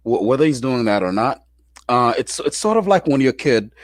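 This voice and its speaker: A man's voice: mid-range voice, big pitch swings, fairly quick, no echo, studio quality. A man hosting a casual call-in chat, talking in a laid-back, slangy way with frequent restarts. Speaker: show host.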